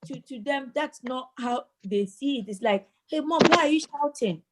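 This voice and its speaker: An earnest Ghanaian woman moderates an online community discussion, sounding as if she's on a video call. Her high voice moves at a moderate pace against a noisy background. She leads the talk, sometimes stammering on repeated words at the start of sentences before a thought lands.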